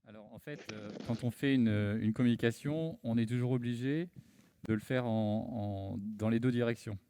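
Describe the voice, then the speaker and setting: A man's voice: medium pitch, normal speed, dark tone, clean tone. A man on a panel giving a careful technical explanation, hesitating often with fillers. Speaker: panel speaker, engineer.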